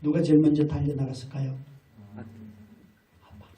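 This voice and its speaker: A man's voice: fairly high pitch, little pitch movement, moderate pace. A middle-aged male pastor preaching a sermon, telling stories and acting out family dialogue. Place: large hall at a retreat. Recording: echoey hall from far off with faint noise.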